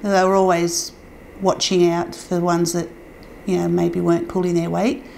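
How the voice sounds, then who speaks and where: A woman in her sixties with a lowish, fairly flat and gravelly voice remembers her old workmates in a plain, fond way. Faint room ambience sits behind her in an indoor interview. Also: normal speed, slight background noise, rough recording. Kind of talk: oral history recollection.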